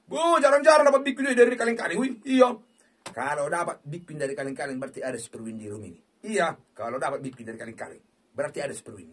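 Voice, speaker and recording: A man giving rowdy, excited commentary on a slot game, shouting and teasing the game with crude banter. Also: on the high side, slight background noise. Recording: voice distant from the mic.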